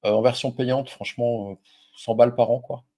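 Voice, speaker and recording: A warm, mid-range voice carries this casual investing explainer, steady in tone and fairly quick. The host, a middle-aged man who learned French first, chats familiarly with the viewer and leans on many fillers.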